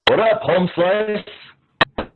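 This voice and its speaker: A man acting a crude, tactless high school gamer boy who blurts out slangy thoughts in a play reading. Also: drawn-out words. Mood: leering, excited. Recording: tinny, band-limited phone-like audio.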